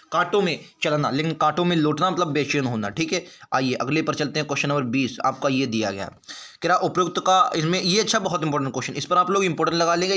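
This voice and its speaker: A man leads an exam practice lesson in a fairly high voice. He keeps asking his viewers questions and repeats each answer over and over until it sticks. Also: a bit bright. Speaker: Hindi exam teacher.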